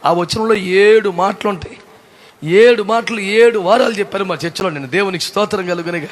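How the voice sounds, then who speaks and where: High-voiced fiery preaching man. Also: fairly quick. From India. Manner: fiery preaching, often shouting, scolding rhetorical questions. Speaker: pastor. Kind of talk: sermon. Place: church congregation.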